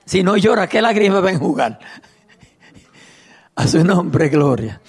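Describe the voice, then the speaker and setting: A middle-aged male pastor delivers a fervent sermon in a notably high voice. He preaches at an unhurried, drawn-out pace, reads scripture aloud and calls out praise to the congregation between points. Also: animated, darkish tone, slightly rough.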